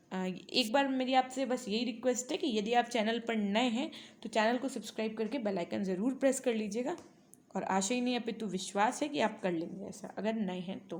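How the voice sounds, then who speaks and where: A woman teacher works through exam-prep quiz questions, asking each one and patiently explaining the answer, often dropping English phrases into her explanations. Her voice is a little high with a darkish tone.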